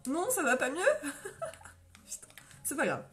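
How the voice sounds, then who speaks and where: A woman's voice: sits high, sing-song, a little fast, background noise. A woman from France doing a casual live makeup tutorial, chatty and friendly, greeting viewers by name and laughing often, a little winded and coughing after a run.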